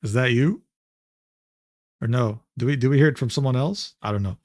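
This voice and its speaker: A man's voice: mid-range voice, fairly quick, a little mellow, no room sound, clean studio sound. A man streaming live, talking brashly and profanely while reacting to clips.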